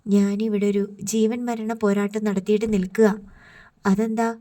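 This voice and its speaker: Audiobook: woman reading a reproachful young woman with a mellow, warm tone. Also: mid-range voice, flat delivery, normal speed, natural voice. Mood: upset. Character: young woman, emotional and sharp-tongued.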